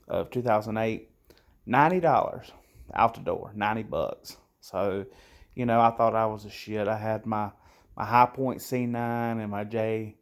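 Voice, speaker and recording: Guy in his 30s rambling thru a story at home, kinda low voice, lots of ums. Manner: rambling, relaxed, lots of fillers and restarts. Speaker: gun channel host. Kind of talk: casual story-time vlog. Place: home, early morning.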